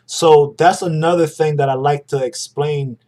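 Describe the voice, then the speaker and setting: A man's voice: fairly high pitch, steady tone, moderate pace, mellow. A young adult man hosting a live stream, talking casually through charts and greeting viewers by name. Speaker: livestream host.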